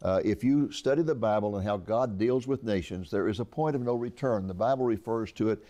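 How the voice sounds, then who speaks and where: An author in his eighties, interviewed conversationally about his book, speaks earnestly in a lowish, dark voice at a slightly fast pace. He frequently restarts his words.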